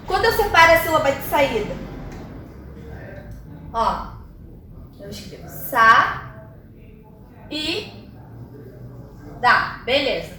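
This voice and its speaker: A woman with a high voice walks through a grammar rule one step at a time, checking in with her listeners as she goes. She is recorded from a distance in a very echoey room with faint background hiss. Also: fairly bright tone. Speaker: teacher. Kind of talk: grammar lesson at a whiteboard. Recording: very echoey room, voice far from mic.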